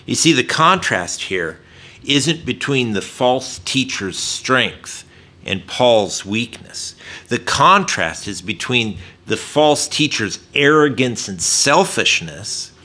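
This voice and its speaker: A man preaching a sermon in an earnest tone, with frequent "uh" fillers and points he drops low and soft for emphasis. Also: expressive, slow pace. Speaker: pastor.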